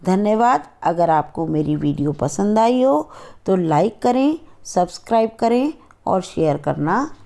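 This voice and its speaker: A woman teaching a grammar lesson, saying each word twice in slow, careful pronunciation drills. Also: medium pitch, big pitch swings, vocal fry, dark tone. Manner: repeats each word twice, stressing the correct form.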